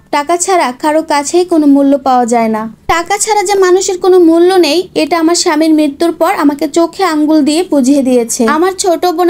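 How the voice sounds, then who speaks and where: A woman's voice: very high voice, a little mellow. A woman narrating a scripted first-person story with an emotional, plaintive delivery.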